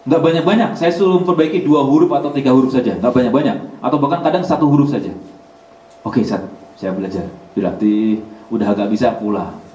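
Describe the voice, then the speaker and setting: Man telling stories in an echoey hall. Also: quick pace. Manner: animated storyteller acting out dialogue, jumping high in pitch. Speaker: Quran teacher giving a religious study talk. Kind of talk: storytelling religious lecture. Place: community hall in Germany. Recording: echoey room, speaker far from mic, faint hiss.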